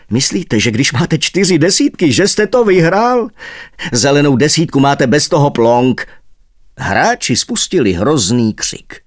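A man's voice: medium pitch, dry recording, studio quality. A man reading a humorous story aloud, voicing the narrator as a fussy, indignant grumbler. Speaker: audiobook reader. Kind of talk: expressive first-person story reading.

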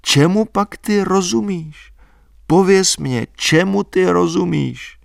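A wild, passionate young peasant girl, put on by a male reader, who teases in a high, bubbly, drawn-out voice. Her words stretch and climb as she presses on. The sound is close and dry, with no room around it. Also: gravelly, no echo. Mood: insistent.

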